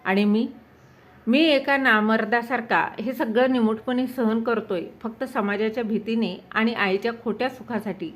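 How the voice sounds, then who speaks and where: A woman's voice: fairly high pitch, moderate pace, lightly acted. A woman voicing a bitter, cold-hearted husband. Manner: harsh, bitter, brooding. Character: cold resentful wealthy husband and father.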